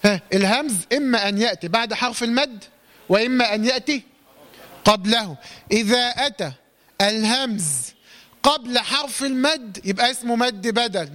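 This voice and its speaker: Egyptian man, recitation teacher, high voice, dry close sound, quizzing questions, slow drawn-out recited words. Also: bright, forceful tone, no echo. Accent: Egyptian Arabic. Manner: poses questions and answers them himself, drawing out recited words slowly. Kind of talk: classroom tajweed lesson.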